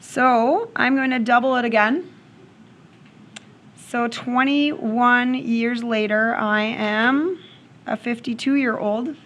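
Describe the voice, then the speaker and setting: A woman's voice: fairly high pitch, fairly even intonation, takes it slowly, a bit bright, lo-fi sound. A woman teaching math to a class in a classroom, working problems aloud and often checking in with "okay?". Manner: checks in with questions, frequent "okay?". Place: classroom with students.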